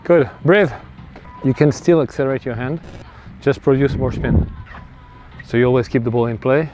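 A man coaching a tennis player on court, giving short instructions and quick bursts of encouragement. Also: medium pitch. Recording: dull lo-fi sound, faint outdoor noise.

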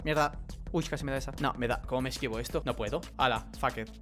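A man's voice: mid-range voice, fast, fairly bright tone, soft background music. A man with a Spain Spanish accent giving jokey let's play commentary, reading game text aloud and muttering curses under his breath. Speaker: gaming YouTuber.

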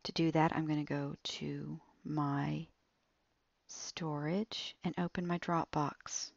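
A woman with a low voice talks slowly through a tablet app tutorial, explaining each step. The recording is dull and dry, with soft tapping clicks behind her. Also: level tone, creaky, no room sound.

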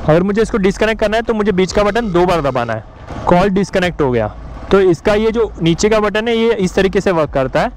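Talking fairly quickly and with animation, an Indian-accented motovlogger in his thirties gives a step-by-step tutorial, peppered with English terms, to camera and in voice-over. His high-pitched voice has a darkish tone, and the rough recording carries slight hiss or hum beneath background music.

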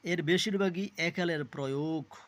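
Male tutor, somewhat high voice, reads word lists for exam prep. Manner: reads lists of words slowly, with small self-corrections. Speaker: teacher. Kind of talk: reading and explaining a word list for exam study.

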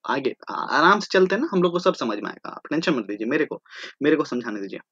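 Male tutor, exam-prep lecture, asks and answers himself, slightly high-pitched, dull lo-fi recording. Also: big pitch swings, fast talker, fairly bright tone, husky, dry recording. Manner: repetitive, drilling terms, asking and answering his own questions. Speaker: teacher. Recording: dull lo-fi sound.

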